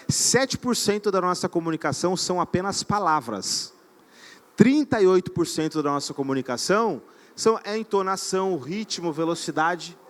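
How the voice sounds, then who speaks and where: High-voiced man lecturing a crowd. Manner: energetic, keeps quizzing the audience. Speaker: conference speaker. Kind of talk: live sales seminar talk. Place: event stage before an audience.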